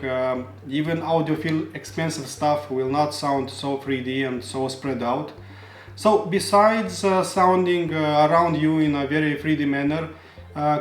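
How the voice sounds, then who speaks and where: Male gear reviewer, slightly higher voice, earnest explainer, echoey room. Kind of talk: product review narration. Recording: roomy echo.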